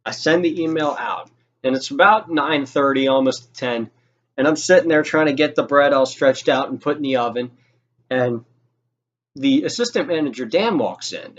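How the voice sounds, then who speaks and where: Over a muffled recording, a medium-pitched young man recounts something that happened to him, informal and exasperated, swearing freely and performing the lines other people said.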